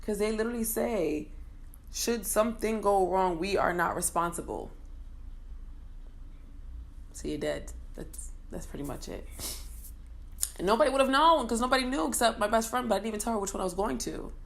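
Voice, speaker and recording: A woman's voice: on the high side, lively intonation, quick pace, vocal fry. A woman in her thirties casually and animatedly telling a personal story to camera, joking and swearing as she goes. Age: 30s. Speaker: vlogger.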